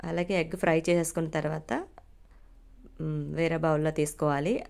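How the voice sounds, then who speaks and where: A woman's voice: low voice, steady tone, normal speed, vocal fry, darkish tone. A woman hosting her cooking channel, casually narrating a recipe step by step in a friendly, polite way.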